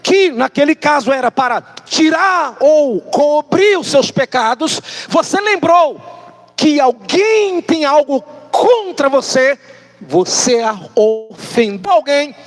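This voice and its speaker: A male pastor preaching a sermon, emphatic, slowing down and sometimes shouting to stress words. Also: extremely high pitch, animated.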